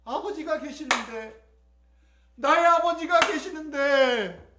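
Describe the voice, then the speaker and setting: A preacher acting a pleading runaway son. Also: male voice, very high-pitched, measured pace, noisy background. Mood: anxious, doubtful. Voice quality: pleading, then wavering and unsure. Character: young man, a repentant runaway son.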